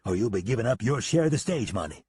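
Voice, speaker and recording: A man's voice: lowish voice, sing-song, fast talker, a little mellow, breathy edge, no room sound, exaggerated voice. A man voicing a cocky, short-tempered outlaw in an audiobook reading. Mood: scheming. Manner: snapping, cocky.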